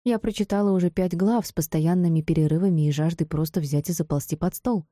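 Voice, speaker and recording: A woman reads a first-person novel aloud with steady storytelling. Her voice is low and very mellow. The recording is dry and close, with no room sound. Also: quick pace, no room sound. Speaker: audiobook reader. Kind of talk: first-person audiobook narration.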